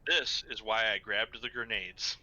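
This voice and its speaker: A man's voice: fairly low pitch, a little slow, pushed and bright. A man playing a tabletop game, joking and restarting his sentences. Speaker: player. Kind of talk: casual tabletop game chat. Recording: dull lo-fi mic.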